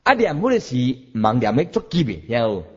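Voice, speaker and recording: An animated man with a Taiwanese accent gives a Buddhist sermon. His voice swings widely in pitch and has a husky edge, and he keeps breaking into chanted examples and questions to his listeners. The lo-fi recording sounds dull. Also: fast. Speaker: Buddhist teacher.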